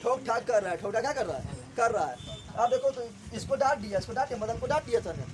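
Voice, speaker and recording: Teacher guy, high voice, rattles off questions at the class, faint hiss behind. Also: lively intonation. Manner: asks the class quick questions and answers them himself. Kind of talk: explaining a story chapter to a class.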